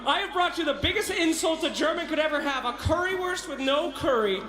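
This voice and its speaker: Brief: male stage host, very high voice, loud showman energy, echoey hall. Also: animated, fairly quick. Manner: showman, often shouting to the crowd. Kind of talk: comedic live stage hosting. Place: live event stage.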